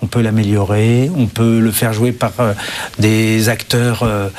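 A man from France, a guest author in a television interview, who speaks haltingly with many restarts and fillers. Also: on the low side, little pitch movement, darkish tone.

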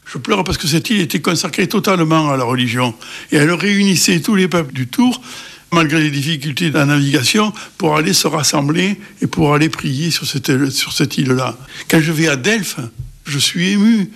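A middle-aged man from the Cévennes in France, a guest expert explaining with lively emphasis in an interview. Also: fairly high pitch, fairly quick, vocal fry.

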